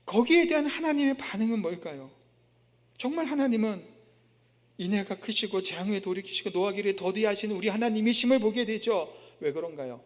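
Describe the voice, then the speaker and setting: A man's voice: sits high, gravelly. A male pastor giving a sermon in a conversational way, asking the congregation questions and acting out an indignant prophet's complaints. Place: church sanctuary. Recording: long reverb of a church hall.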